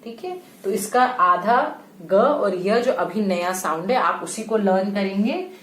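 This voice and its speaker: Slow, patient woman teaching in an echoey room. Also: medium pitch, animated, fairly bright tone. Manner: patient, repeats sounds slowly, calls pupils beta, mixes in English. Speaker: primary school teacher. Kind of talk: online Hindi lesson for young children.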